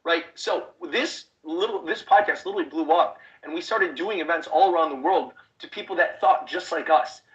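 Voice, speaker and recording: A man from the Chicago suburbs giving an online sales webinar pitch, pushy and constantly asking the audience if they are following. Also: moderate pace, hardly any pauses, a bit bright, highs cut off. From United States, Chicago suburbs. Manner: pushy, repeats rhetorical check-in questions. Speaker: online business trainer.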